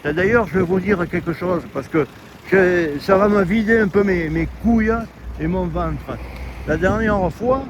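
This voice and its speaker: Man in his late sixties, grumbling vlog rant, stammers and repeats words, slightly high pitch, loud outdoor street noise. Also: a little slow, muffled recording. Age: 60s. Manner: angry complaining, stammers and repeats himself. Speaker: retiree vlogger. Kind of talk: ranting vlog to camera.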